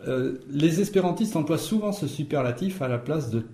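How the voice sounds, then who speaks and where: A man leading a language class with a mellow, dark voice. He corrects pronunciation step by step and explains words patiently. The sound is roomy and echoey. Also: fairly high pitch, lively intonation, normal speed. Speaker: Esperanto teacher.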